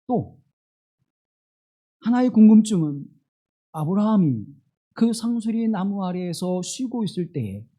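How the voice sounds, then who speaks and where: A man preaching a Sunday sermon in a church, slowing down for scripture and asking the congregation questions. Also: sits high, very animated. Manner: slow, dramatic scripture reading with wide swings in loudness; asks the congregation rhetorical questions. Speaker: pastor.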